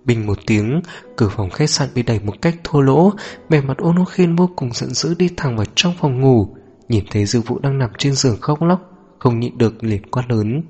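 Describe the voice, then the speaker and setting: A man narrating a romance audio novel in an even, steady storytelling manner. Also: medium pitch, moderate pace, breathy edge, highs cut off, soft background music.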